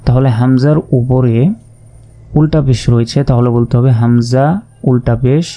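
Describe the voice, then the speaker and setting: A man's voice: medium pitch, fairly even intonation, normal speed, dark tone. A man teaching Quran reading, drilling letter and vowel-sign sounds one by one and warning about common pronunciation mistakes. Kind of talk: step-by-step recitation lesson.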